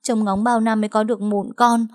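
A woman voicing a scheming young pregnant wife who wails and accuses in a tearful, shrill voice. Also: flat delivery, fairly quick, a little mellow, lightly acted. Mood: whining accusing.

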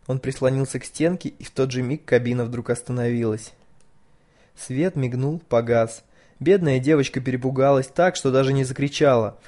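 A man narrating an audiobook in an even storytelling delivery. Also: mid-range voice.

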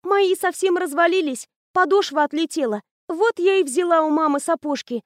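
A woman's voice: normal speed, dry recording, clean studio sound. Woman doing a sly, sweet-voiced teenage girl. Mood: falsely sweet. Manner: high, wheedling, falsely timid.

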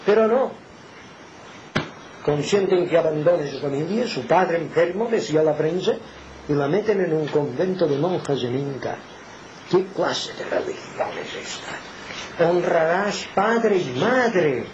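An older man, preaching a fervent sermon full of rhetorical questions. He swings between loud exhortation and hushed emphasis. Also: fairly high pitch, lively intonation, unhurried. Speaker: lay preacher. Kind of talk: impassioned home sermon. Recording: muffled, with faint background noise.

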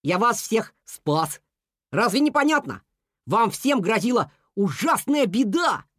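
A storyteller voicing an odd, timid male rabbit who talks slowly and earnestly, sometimes in a hush. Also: medium pitch, big pitch swings, no room sound, clean studio sound, pitched above the performer's own voice. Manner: slow, earnest, hushed.

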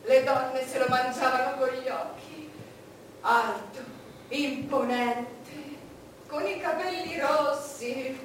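An actress playing an imperious, lustful, proud queen in a theatrical stage monologue, haughty and declamatory, with deliberate dramatic pauses. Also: high-pitched. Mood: scornful, confiding. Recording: echoey theatre, distant noisy mic.

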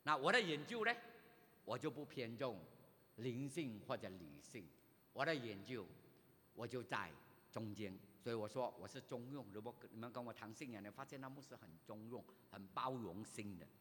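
An older male pastor from Malaysia, telling his own story in a sermon, animated, with sudden loud rises. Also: mid-range voice, normal speed, a little hiss or hum. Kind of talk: sermon, personal testimony. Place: church sanctuary. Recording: reverberant church hall.

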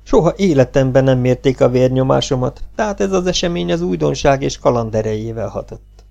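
A man reading an audiobook aloud in a dry, deadpan storytelling manner. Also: mid-range voice, vocal fry, highs cut off. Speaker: audiobook reader. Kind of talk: audiobook narration.

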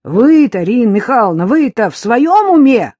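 A reader voicing Lyubka, a brash, rough-spoken young woman and former convict, loud and mocking, in an audiobook. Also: mid-range voice, expressive, slow pace, no room sound, lo-fi sound. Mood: indignant.

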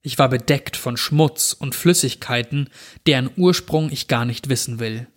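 A man reading a creepy horror story aloud in a measured storytelling manner. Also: mid-range voice. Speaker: narrator.

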